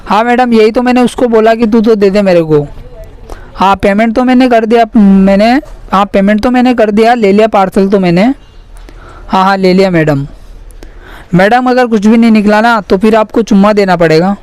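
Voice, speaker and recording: A man's voice: sits high, fairly quick, darkish tone, clean tone, dry recording. A man making a prank phone call, insistent and mock-earnest, addressing the listener as madam in almost every sentence. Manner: insistent, repeats "madam" constantly. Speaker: prank caller.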